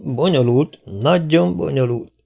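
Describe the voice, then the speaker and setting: A man voicing a male crew engineer, speaking slowly and precisely. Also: on the high side, creaky, a little mellow, highs cut off, voice pushed up. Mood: astonished.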